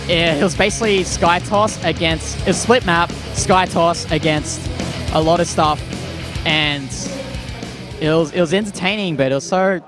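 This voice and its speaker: Chatty male esports caster, higher voice. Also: moderate pace. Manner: chatty, laughs often, lots of restarts. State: hiccuping. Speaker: esports commentator. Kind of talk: casual live game commentary. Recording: music playing behind the voice. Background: background music.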